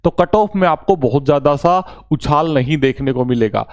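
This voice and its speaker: A young man with a fairly high voice talks to exam aspirants like a coaching teacher. He is familiar and reassuring, often calling them brother. His has a lilt. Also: expressive, normal speed. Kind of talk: casual exam-update talk to students.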